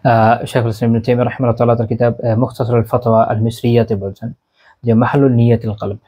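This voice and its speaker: A man's voice: medium pitch, level tone, very fast, warm tone, husky. A man teaching a religious lesson who recites Arabic passages and then explains them. He asks questions and answers them himself, with frequent "ah" fillers. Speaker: Islamic teacher. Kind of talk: religious lecture explaining texts.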